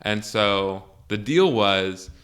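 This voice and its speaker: A man's voice: lowish voice, animated, slow pace, over a noisy crowd. A young man on a podcast, casually telling a long story with lots of fillers and laughs. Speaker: podcast co-host.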